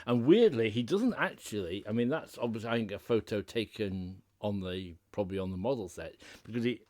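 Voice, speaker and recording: A man with a low voice talks eagerly on a podcast panel, laughing as he goes. The sound is dry and close, with no room around it. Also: animated, fairly quick, a little mellow, no echo. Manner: chatty, enthusiastic, laughs while talking. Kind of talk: casual chat.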